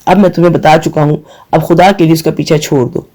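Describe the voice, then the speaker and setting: A man's voice: fairly high pitch, steady tone, mellow, natural voice. A man voicing a tired middle-aged father who pleads firmly. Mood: weary.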